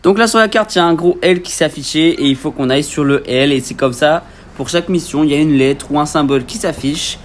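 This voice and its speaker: A man's voice: on the high side, steady tone, brisk, hardly any pauses, slight background noise. A young man giving casual, joking gameplay commentary with street slang and talking straight to his viewers. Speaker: gaming video creator. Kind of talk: let's play gameplay commentary.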